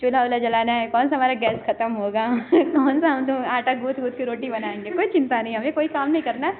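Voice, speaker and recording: A woman with a high, bright voice teaches a Sanskrit lesson, spinning the story with lively, acted-out speech. The sound is narrow and phone-like, with a faint hiss under it. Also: a little fast. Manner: animated storytelling, acts out quoted speech. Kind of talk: storytelling lesson explaining verses.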